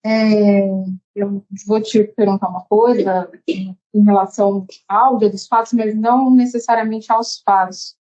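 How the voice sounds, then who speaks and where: A woman questioning a witness in a courtroom, with polite, measured formal questions. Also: medium pitch, fairly even intonation, dark tone, highs cut off.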